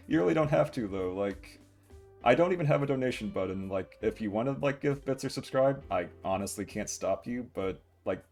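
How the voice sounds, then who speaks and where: Young man, low voice, casual livestream chat, rambling manner, guitar music behind. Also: lively intonation, moderate pace, a little mellow. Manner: rambling, chuckling, acts out short quotes.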